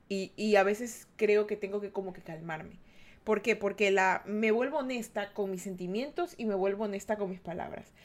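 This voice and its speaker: An adult woman hosting a podcast, giving an earnest, reflective monologue and speaking directly to her listeners. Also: medium pitch. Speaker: podcast host.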